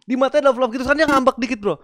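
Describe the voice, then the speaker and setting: A young man giving excited gameplay commentary, laughing and slangy, reading game lines aloud. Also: very high voice, rapid-fire, a little hiss or hum. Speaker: gaming YouTuber. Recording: game music playing behind.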